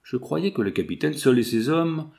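A man's voice: medium pitch, lively intonation, moderate pace, gravelly, warm tone. A man voicing a coarse, mocking male brigand sentry in an audiobook. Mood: grumbling. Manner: mocking, crude cackle.

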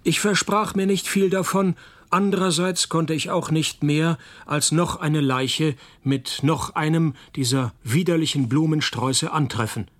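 The radio play's narrator is a cynical, wry private detective, voiced by an actor with a husky male voice on the high side. He narrates in the first person at a measured pace, in a laconic, dry, deadpan manner.

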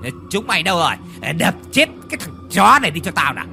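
A man voicing a coarse old rich man in a horror story, who shouts, curses and stammers in fright. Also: fairly high pitch, big pitch swings, moderate pace, faint music behind. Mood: blustering.

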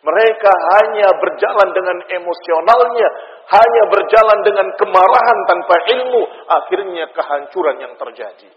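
A man giving a Friday sermon, impassioned, moving between loud emphasis and quiet low passages. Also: lively intonation, moderate pace. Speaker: preacher. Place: mosque. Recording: dull, muffled sound with long hall reverb.

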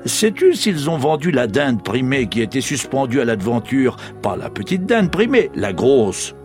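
A man's voice: medium pitch, sing-song, normal speed, a little mellow, voice pushed up, natural voice. A man voicing a joyful, reformed old miser who talks effusively, with faint music behind. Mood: jubilant. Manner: exuberant, effusive.

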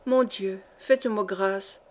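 A woman's voice: mid-range voice, takes it slowly, natural voice. Woman reading as a frail dying noblewoman. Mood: faint prayer. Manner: soft, weary, plaintive. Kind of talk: audiobook character reading.

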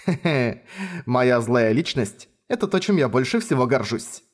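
A man's voice: mid-range voice, lively intonation, a little slow. A man reading the lines of a mischievous, teasing young man who plays at being a villain, in an audiobook. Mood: smug teasing. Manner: playful, smug, mock-villainous.

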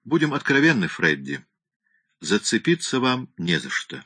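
A man voicing a frank, firm middle-aged male lawyer who speaks straight without softening his words. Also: medium pitch, sing-song, measured pace, husky, no room sound, heavily acted.

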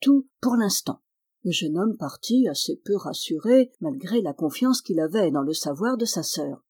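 A woman reading a fairy tale aloud in a steady, expressive storyteller's manner. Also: on the low side, normal speed, slightly rough, no echo.

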